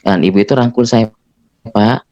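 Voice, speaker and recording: A man's voice: on the low side, fairly even intonation, brisk, gravelly, no echo, muffled recording. A man giving an earnest spoken testimony, telling his story and acting out the dialogue himself. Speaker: former preacher giving testimony.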